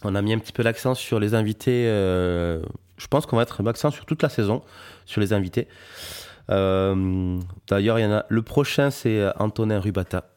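A man's voice: fairly low pitch, moderate pace, darkish tone, clear, resonant tone. A young man hosting a podcast in casual chat, hesitant and full of fillers. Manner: hesitant, many fillers, friendly. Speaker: podcast host, guitarist.

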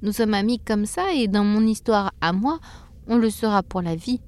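A woman voicing a young female caterpillar, eager and easily alarmed, in a higher voice. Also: moderate pace, close to an everyday voice. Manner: high, excited, anxious.

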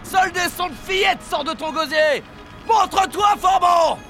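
An actor playing a bold, mocking pirate hero who declaims theatrically and taunts in grand language. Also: male voice, very high-pitched, normal speed. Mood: defiant, mocking. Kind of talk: dramatic pirate adventure acting. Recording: loud music and crowd noise behind.

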